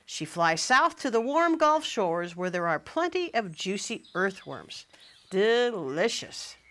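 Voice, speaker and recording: A woman author reading her children's picture book aloud in an animated storytelling manner. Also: medium pitch, a little slow.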